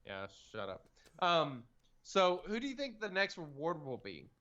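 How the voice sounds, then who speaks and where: A man co-hosting a podcast in relaxed chat, wandering through his points with plenty of ums and uhs. His voice is smooth and clean. The recording sounds dull and lo-fi. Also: a little high, measured pace. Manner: rambling, lots of fillers and trailing off. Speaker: podcast co-host. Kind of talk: casual chat.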